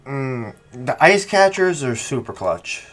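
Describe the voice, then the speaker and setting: A man's voice: medium pitch, sing-song, takes it slowly, a bit bright. A man hosting a podcast in casual chat, teasing and swearing a lot. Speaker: podcast host.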